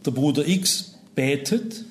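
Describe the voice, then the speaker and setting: A middle-aged male preacher with a notably high-pitched voice delivers a sermon in a storytelling way. He swings between loud, pleading cries and hushed, low asides to the congregation. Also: lively intonation, takes it slowly, a little hiss or hum.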